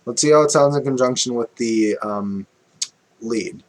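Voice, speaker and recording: A man's voice: mid-range voice, a little slow. A man casually walking through a music production tutorial, thinking aloud with fillers and small self-corrections.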